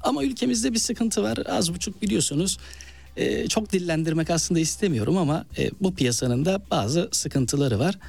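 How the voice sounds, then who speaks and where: His voice is high and creaky, delivered at normal speed in a dry recording with faint music behind. He is a novelist and actor from Malatya, eastern Turkey, with an eastern Turkish accent, animatedly telling interview stories and acting out what people said.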